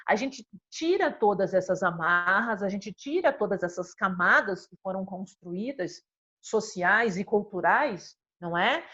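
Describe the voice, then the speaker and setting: Heard through lo-fi sound, a slightly high-voiced Brazilian psychologist talks conversationally, earnest and expressive. Her phrases constantly end in tag questions.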